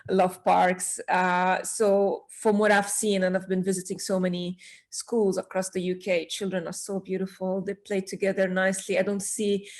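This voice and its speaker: A woman's voice: medium pitch, level tone, normal speed, darkish tone. A woman from Syria, a children's author, answering interview questions earnestly and with passion, with small restarts.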